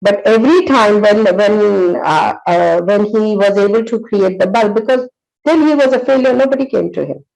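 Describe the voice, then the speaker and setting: A psychologist in her sixties with an Indian accent gives a motivational talk, telling stories earnestly with many pauses and fillers. Her voice sits at medium pitch with vocal fry and a darkish tone, and the recording quality is low.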